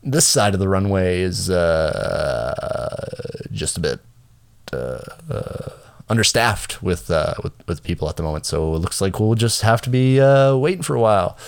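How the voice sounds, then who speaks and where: A man doing a droning airline captain on the cabin PA, halting and full of uhs. The voice sits low and unhurried. It sounds like an in-flight loudspeaker announcement delivered by a captain in no rush. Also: animated, vocal fry, full character voice. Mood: drawling. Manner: drawling, halting with many uhs. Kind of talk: comedic storytelling impression.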